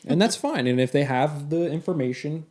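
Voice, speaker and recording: A man's voice: a little high, expressive, moderate pace, a little mellow. Blunt, swearing man on a podcast. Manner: blunt, emphatic, swears freely. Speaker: podcast co-host. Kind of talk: casual podcast chat.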